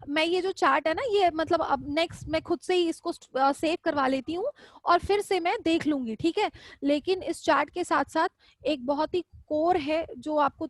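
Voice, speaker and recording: High-voiced chatty woman teacher. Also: no echo. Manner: chatty, affectionate, repeats questions to students. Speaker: zoology teacher. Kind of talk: live online class, casual Hindi lecturing.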